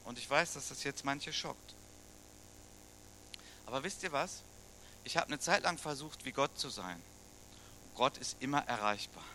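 A man's voice: medium pitch, animated, normal speed, long pauses, sharp tone, a little hiss or hum. A middle-aged man from Germany, a pastor preaching a sermon in a conversational way, often putting questions to his listeners. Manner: conversational, asks the congregation questions.

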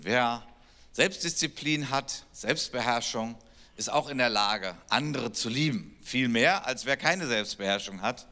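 Man giving a sermon, bright lively voice, big echoey hall, leans hard on key words. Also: medium pitch. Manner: animated, emphatic preaching with slow drawn-out stresses. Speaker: preacher. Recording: long church-hall reverb.

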